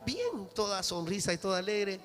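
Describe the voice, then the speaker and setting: A man's voice: on the high side, unhurried. A man with a Bolivian accent, a pastor preaching fervently to his congregation. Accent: Bolivian Spanish. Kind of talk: sermon. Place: church hall. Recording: reverberant church hall with music.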